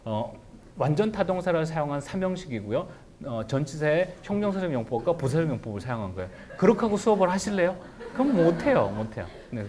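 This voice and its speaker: A man with a slightly higher voice gives a spirited talk to a room of teachers. His pitch swings widely as he explains. He drops to a slow, careful pace whenever he models an example sentence. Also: slight background noise. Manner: animated, shouts example phrases, slows down for English sentences. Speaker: English teaching lecturer. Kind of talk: lecture to teachers.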